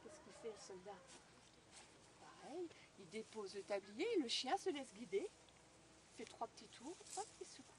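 A female storyteller performs a fairy tale live on an outdoor storytelling walk, addressing the audience directly with animated energy. She sounds a little high and speaks at normal speed, with slight background noise.

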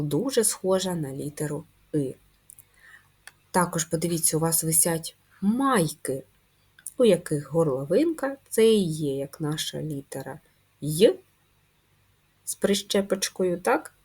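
Woman, first-grade teacher; low, husky voice, patient and slow, stretches each sound. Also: animated, a little mellow. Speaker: primary school teacher. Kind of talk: video lesson for first graders.

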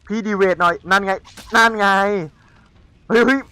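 A man playing a horror game and commenting as he goes, chatty and excitable, teasing the players he hunts. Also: high voice, moderate pace, clean tone, no echo. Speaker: gamer. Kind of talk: let's-play commentary.

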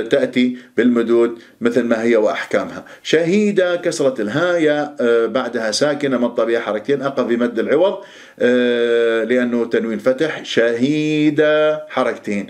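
A middle-aged man teaching Quran recitation rules, explaining quickly and then reciting words slowly as models. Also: mid-range voice. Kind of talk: tajweed pronunciation lesson.

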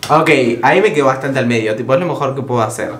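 A man's voice: mid-range voice, animated, quick pace. A nineteen-year-old man with an Argentine Rioplatense accent, chatting casually and teasingly in his vlog. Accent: Argentine Rioplatense Spanish. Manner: joking, teasing, camp. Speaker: vlogger. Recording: roomy sound with faint noise.

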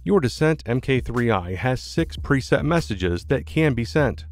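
A man reading scripted tutorial narration as a product support narrator, in a measured, clearly enunciated instructional manner. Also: mid-range voice, expressive. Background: background music.

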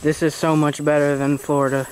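A young man filming a casual tour of a rented farmhouse, talking in a relaxed, plain, slightly halting way. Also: fairly high pitch, a little hiss or hum. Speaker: family member filming a house tour. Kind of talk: casual handheld house tour. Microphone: handheld camera.

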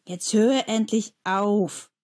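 A woman's voice: mid-range voice, slow pace, a little mellow, lightly acted. Woman voicing a mocking bully boy. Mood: annoyed. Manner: mocking, grumbling. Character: older boy, mocking bully, sulky and gruff.

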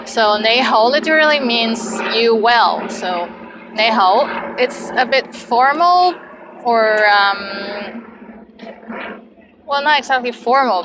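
A woman's voice: on the high side, background noise. A woman in her thirties with a Hong Kong Cantonese accent, teaching phrases in a casual lesson with chatty explanatory asides. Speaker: language teacher and host. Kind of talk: casual language lesson with example phrases and commentary.

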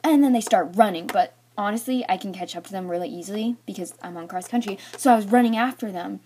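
Over slight background noise, a teenage girl rambles through a personal story for her storytime vlog, acting bits out with toys and packing every sentence with "like." Her voice is mid-range and warm, moving at a quick pace.

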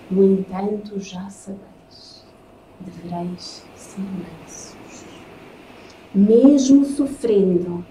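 A woman with a European Portuguese accent giving a spiritist lecture, reading from slides in slow, measured phrases with solemn pauses. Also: medium pitch, darkish tone. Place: lecture room in front of a projected slide. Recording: echoey room, faint noise.

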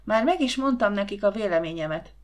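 A woman's voice: mid-range voice, expressive, lightly acted. A woman voicing a stern, disapproving middle-aged aunt who speaks curtly in an audiobook.

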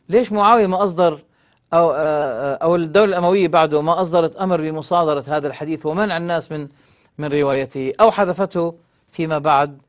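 A man with a Levantine accent giving a religious lecture, posing rhetorical questions and slowing down to read quoted passages aloud. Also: a little high. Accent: Levantine Arabic. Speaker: religious scholar presenting a program.

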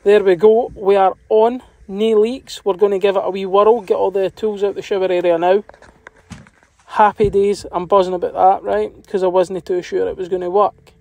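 A man's voice: high voice, flat delivery, moderate pace, gravelly, darkish tone, dry recording. A man with a Scottish accent, a plumber narrating his video in a chatty, colloquial and self-deprecating way.

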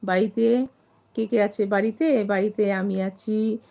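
Slow-talking woman chatting live. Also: medium pitch, steady tone, creaky, mellow. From Kolkata, India. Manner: unhurried, chatty, greets viewers by name. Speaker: live streamer. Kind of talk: casual live chat reading viewer comments.

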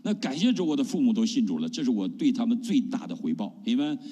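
A middle-aged man from China, a pastor giving an animated testimony sermon and often asking the congregation questions. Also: medium pitch, quick pace, slightly rough. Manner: animated preaching with rhetorical questions. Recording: long hall reverb.

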